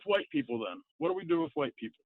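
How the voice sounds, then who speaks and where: A man with an American hillbilly twang calls in by phone, arguing in a plain-spoken, halting way. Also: a little high, huge pitch swings, gravelly, no room sound. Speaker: phone-in caller. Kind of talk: unscripted debate on a call-in show. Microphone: telephone. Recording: thin, narrow phone line.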